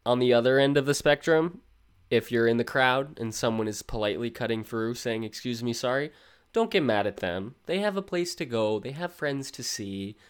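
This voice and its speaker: A man's voice: mid-range voice, expressive, normal speed, smooth. A man co-hosting a podcast in a playful, jokey casual chat. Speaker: podcast co-host.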